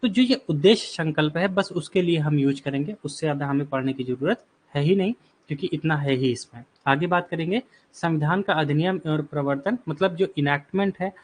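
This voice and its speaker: Chatty teacher with a fairly high voice. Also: male voice. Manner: reassuring, repeats "ठीक है" and "बिल्कुल" while reading out student replies; explains terms slowly, asking and answering his own questions. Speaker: online exam-prep teacher. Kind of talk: live online class lecture.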